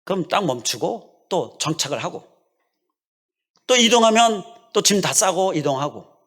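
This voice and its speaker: A man's voice: high-pitched, very animated, measured pace, a bit bright. A middle-aged man, a pastor, preaching a sermon with emphatic repetition and rhetorical questions. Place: church sanctuary.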